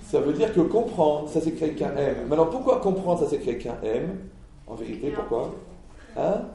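Gravelly man lecturing in an echoey hall. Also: fairly high pitch, fairly quick, recorded from a distance, slight background noise. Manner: animated, acts out dialogues, rhetorical questions, jokes. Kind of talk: lively teaching talk to an audience.

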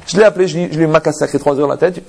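Gravelly, husky-voiced man teaching a religious talk. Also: fairly high pitch, racing. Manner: lively storyteller, rhetorical questions, frequent "d'accord?". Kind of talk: anecdotal religious talk to an audience.

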